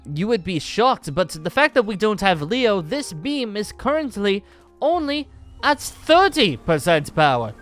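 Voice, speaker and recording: Heavily acted and very animated, a man's high, slightly bright voice takes on the role of an ancient dragon slayer wizard in an improvised Minecraft roleplay, at a measured pace. The character is boastful, jovial and playful, delivered in a theatrical, grandly formal way with chuckles. Music plays in the background.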